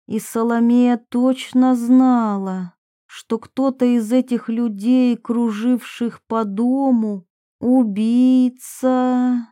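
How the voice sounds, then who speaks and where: Lady reading an audiobook, slow and even, dark mellow voice, dry sound. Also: on the high side, dry recording. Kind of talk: audiobook narration.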